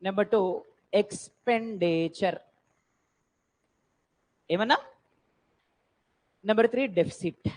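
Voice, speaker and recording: A woman teaching a class, quizzing students and urging them to answer loudly. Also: high-pitched, lively intonation, brisk, long pauses, rough recording. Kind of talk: classroom lecture.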